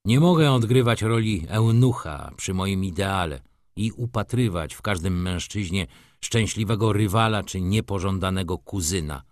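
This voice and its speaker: A man's voice: deep voice, lively intonation, normal speed, dry recording, studio quality. A man reading an audiobook, voicing a bitter, brooding middle-aged merchant who speaks in a restrained, cool way. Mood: cold bitter.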